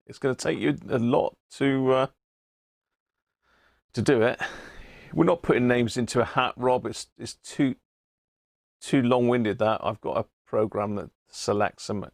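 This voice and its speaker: A British CB radio fan hosts an easygoing livestream in his indoor radio room, rambling, thinking out loud and sharing friendly asides with viewers. He sounds gravelly and unhurried at a mid-range pitch, recorded with clean studio sound and no room sound.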